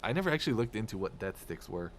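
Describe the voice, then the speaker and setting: A man's voice: lowish voice, fast talker, noisy background. Profane ranting male streamer. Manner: animated, profane, sarcastic ranting. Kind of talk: casual live-stream rant.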